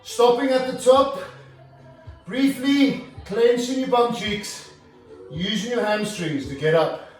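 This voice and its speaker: High-voiced man coaching a workout. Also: slow, distant mic, soft background music. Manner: instructive, demonstrating while talking. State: out of breath at times. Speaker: fitness trainer. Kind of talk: home workout instruction. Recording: echoey room, voice from afar.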